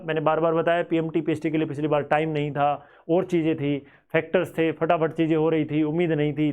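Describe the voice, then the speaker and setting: A man's voice: on the high side, a little mellow. A man with a Haryanvi-flavoured Hindi accent teaching students about exam cut-offs in a conversational, thinking-aloud way.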